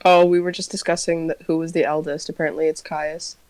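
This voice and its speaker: A woman's voice: sits low, little pitch movement, fairly quick, darkish tone, a little hiss or hum, low-quality recording. A woman player in a tabletop game, making dry, teasing remarks. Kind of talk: tabletop roleplay banter.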